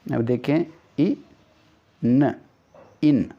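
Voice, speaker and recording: A man teaching English phonics in a slow lesson, repeating each vowel sound several times. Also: medium pitch. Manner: drills sounds by repeating them. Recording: dull lo-fi recording.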